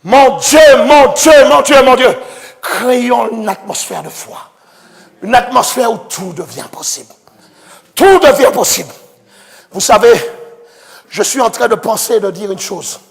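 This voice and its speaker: A male pastor preaching a sermon fervently, swinging from hushed tones to shouts. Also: extremely high pitch, lively intonation, measured pace, creaky, pauses often. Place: church. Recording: echoey church hall with congregation.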